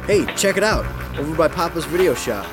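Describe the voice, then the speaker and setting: A man's voice: a little high, animated, a little fast, music in the background, rough recording. A man playing a tough, wary young motorbike rider in an audio drama, blunt and dry. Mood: urgent.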